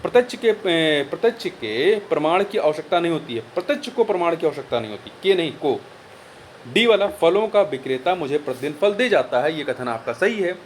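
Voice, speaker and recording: In an expressive, fairly quick voice on the high side, a man tutors through a Hindi spelling test, saying each word again and spelling out its correction. A little hiss or hum is audible.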